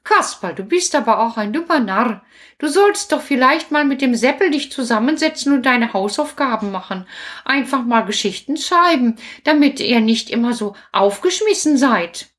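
A woman voicing a kind, fussy old grandmother who scolds gently in a children's story. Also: on the high side, lively intonation, moderate pace, voice pushed up. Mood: scolding.

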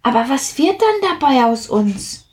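A woman's voice: high voice, big pitch swings, unhurried, a little mellow, voice pushed up. A woman voicing a curious young male water drop full of wonder and questions in a storybook.

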